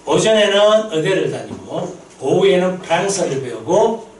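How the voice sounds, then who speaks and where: A man's voice: sits high, moderate pace, reverberant, recorded from a distance, slight background noise, poor audio. A man preaching a sermon as a missionary pastor at a mission meeting, telling stories and asking the congregation questions. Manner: lively storytelling, asks the congregation questions. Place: church sanctuary.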